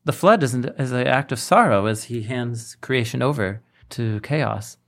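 A man explaining as a teacher in a podcast discussion, deliberate and emphatic in his phrasing. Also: mid-range voice, animated, gravelly, a bit bright. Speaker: podcast co-host and Bible teacher.

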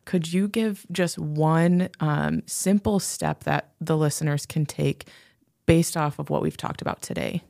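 A woman co-host asks thoughtful questions in a low, gravelly voice, with a mellow, darker tone. Her talk is casual and full of little fillers. The sound is dry and close. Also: steady tone, a little slow, no room sound. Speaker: podcast co-host. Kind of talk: casual podcast conversation.

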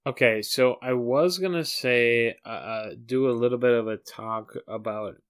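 Earnest podcast man, smooth clear voice. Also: medium pitch, normal speed. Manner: earnest, keen to correct himself. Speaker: podcast co-host. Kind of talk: casual chat.

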